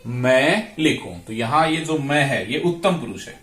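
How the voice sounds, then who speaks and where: A man's voice: on the high side, lively intonation, moderate pace, fairly bright tone, soft background music. A man teaching Sanskrit grammar, drawing out each word and repeating verb forms aloud. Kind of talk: slow classroom explanation. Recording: echoey room, voice from a distance.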